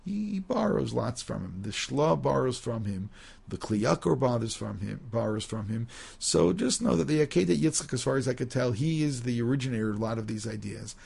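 A man's voice: mid-range voice, animated, a little fast, creaky, a little mellow, slightly rough. A man teaching a class on religious texts, reading Hebrew passages aloud and explaining them in a loose, conversational way, often restarting his sentences. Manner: reads Hebrew sources aloud, then explains, with many restarts and "you know". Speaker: Torah teacher. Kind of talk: text-based class lecture.

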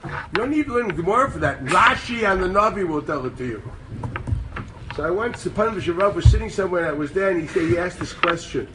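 A man giving an animated, sarcastic Torah class to a group, mixing in Hebrew terms. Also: high voice, fast talker. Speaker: rabbi teaching a class. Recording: distant mic with loud background noise.

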